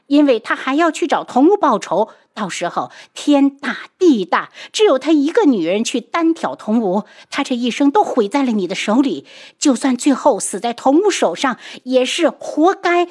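Passionate young heroine, higher and louder than the narration, audiobook, read by a woman. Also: big pitch swings, moderate pace. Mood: indignant.

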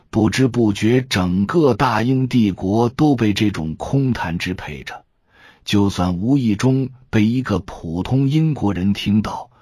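A man narrating an audiobook detective story in a steady, unhurried storytelling manner. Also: fairly low pitch, dry recording, studio quality.

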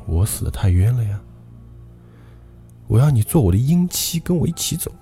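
A man's voice: medium pitch, very animated, normal speed, warm tone, slightly rough, soft background music, voice pushed up, exaggerated voice. A man voicing the vengeful ghost of a dead male driver in a spoken ghost story, gloating and menacing. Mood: pleading.

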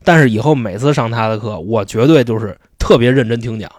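A man's voice: mid-range voice, brisk, no echo, studio quality. A man telling slangy, chatty stories as a podcast host. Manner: chatty, slangy storytelling, often asks "you know?". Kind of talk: casual storytelling chat.

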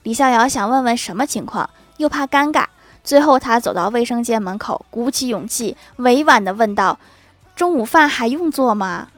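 Female comic storyteller, bright and playful, wry asides. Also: on the high side, moderate pace. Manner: lively, switches voices for quoted characters, laughing asides. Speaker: joke narrator. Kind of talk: storytelling funny anecdotes with quick asides.

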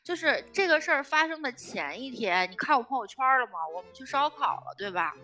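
A woman co-hosting a casual podcast chat, telling a story in an animated, blunt way with some swearing. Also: high voice, brisk, soft background music. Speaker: podcast co-host.

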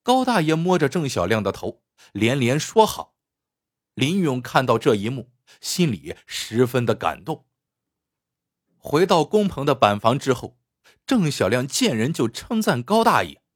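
A man tells a story in a husky voice. His pitch swings up and down as he narrates, which keeps it animated. He speaks at a middle pitch for a man. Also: unhurried.

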